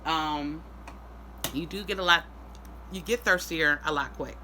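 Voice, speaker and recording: A woman speaking casually in a vlog update, sounding weary and drained, in pain after surgery, with halting delivery. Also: deep voice, pushed and bright, slight background noise. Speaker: vlogger.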